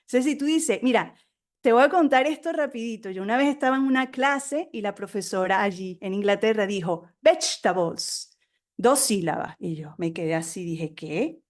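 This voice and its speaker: A middle-aged woman, a native Spanish speaker, being interviewed as an author on a podcast, telling stories in a talkative, animated way. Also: mid-range voice, fairly quick. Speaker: guest author.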